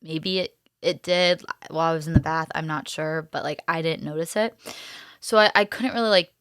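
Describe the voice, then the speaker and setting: A young woman in her twenties casually telling a personal story, chatty and animated, often saying "like" and acting out what she and others said. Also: deep voice, moderate pace, smooth, no echo, studio quality. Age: 20s. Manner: chatty, heavy use of "like", animated quoting of herself. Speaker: young mother sharing her birth story.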